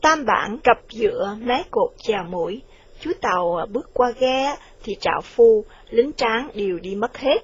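A woman reading a novel aloud in a plain, slightly halting manner. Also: mid-range voice, slightly rough. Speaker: narrator. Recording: dull lo-fi recording.

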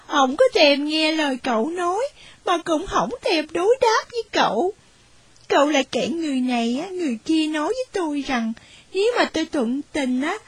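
A woman's voice: very high voice, no room sound. A woman voicing a poor, wronged young orphan woman who tells her story tearfully, in a storybook reading.

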